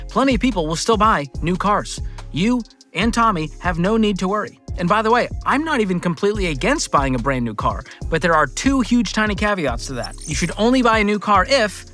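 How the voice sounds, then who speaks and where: A man's voice: on the high side, bright, forceful tone. A man hosting scripted comedic commentary, talking in a sarcastic, joking and emphatic way. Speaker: video host.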